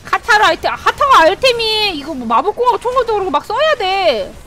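Woman, game streamer, very high pitch, bright tone, exasperated live commentary. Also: very animated, fairly quick, slight background noise. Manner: exasperated, yelling and grumbling at the game.

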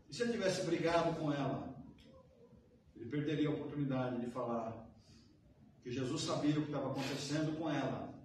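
A man with a Brazilian Portuguese accent, a pastor telling a story in a sermon, swinging between loud emphasis and soft, low passages. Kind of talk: sermon with anecdote. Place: church sanctuary. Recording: echoey church from far off, faint noise.

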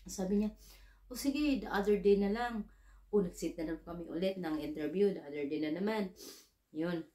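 Woman from the Philippines, casual storytelling, mellow tone, roomy echo. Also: on the low side, moderate pace. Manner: chatty, mixes English into Tagalog, acts out dialogue. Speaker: vlogger, domestic worker abroad.

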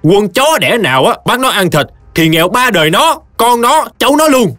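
A man's voice: high-pitched, very animated, moderate pace, voice pushed up, exaggerated voice. A man voicing a foul-mouthed old village woman who screams curses, with a Mekong Delta Vietnamese accent. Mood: screaming curses. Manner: screeching curses, cursing in long rants. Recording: dry close studio voice, soft music behind.

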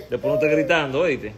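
A Dominican man hosting a live stream with his baby son, teasing and laughing, at times breaking into high squeals. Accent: Dominican Spanish. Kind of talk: playful live-stream chat.

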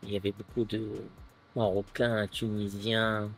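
A man in his thirties from France, a footballer guest chatting casually on an outdoor terrace, relaxed and full of filler phrases. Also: lowish voice, measured pace, faint music behind. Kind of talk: casual interview chat.

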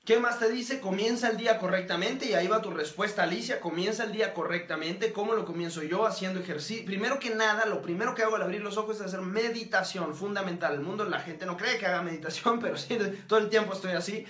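A man with a high, bright, forceful voice gives a live motivational talk, emphatic and preachy. He speaks directly to his audience and answers viewer comments as he goes. The sound is roomy and echoey. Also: fast talker, hardly any pauses.

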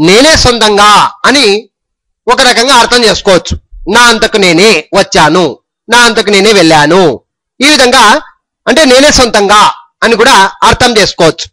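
A man's voice: high-pitched, sharp tone, no room sound, rough recording. A man teaching English grammar to Telugu speakers, explaining patiently and often asking his students if they understood. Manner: repeats terms, asks students if they understood; slow, drawn-out English example sentences. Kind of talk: spoken English grammar lesson.

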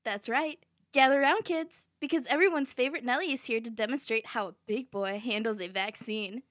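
A woman's voice: mid-range voice, a little fast, no room sound, studio quality, natural voice. A woman playing a gullible, upbeat parody news co-anchor with mock-sincere delivery in a satirical newscast.

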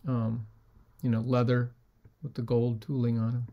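A man talking casually in a vlog about items he resold, with lots of ums and a relaxed way of talking. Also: medium pitch, normal speed, lo-fi sound. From United States. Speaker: reseller showing sold items.

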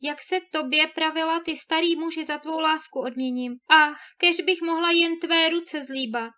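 A woman's voice: sits high, steady tone, sharp tone. Woman voicing a plaintive wronged young wife. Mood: grateful. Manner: plaintive and lamenting.

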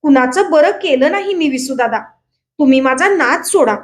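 A woman reading aloud as a gentle young widow who pleads softly in a trembling, tearful voice. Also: high voice, animated, moderate pace.

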